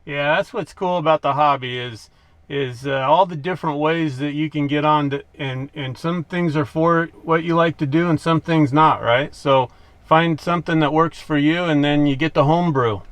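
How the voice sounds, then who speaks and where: A man's voice: fairly high pitch, moderate pace. A man chatting casually as a mobile ham radio operator and video maker, with easygoing, informal radio phrasing. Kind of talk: casual radio chat and demonstration. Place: mobile radio setup in a parked vehicle. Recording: faint vehicle and radio noise.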